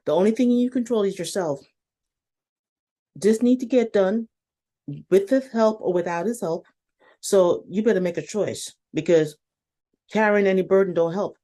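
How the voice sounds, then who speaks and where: Animated, emphatic woman telling a story. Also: mid-range voice. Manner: animated storyteller, talks to herself in quotes; emphatic, blunt, motivational. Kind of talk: casual interview conversation.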